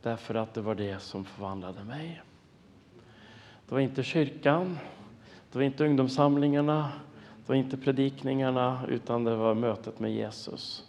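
A man in his fifties, a pastor, giving an earnest, emotional sermon testimony and dropping to a hushed voice for prayers. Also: mid-range voice, steady tone, in a large hall. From Norway and the United States.

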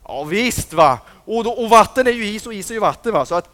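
A man tells a dramatic story to children, often dropping to a whisper for suspense and asking his listeners questions. His high voice is expressive and a bit bright.

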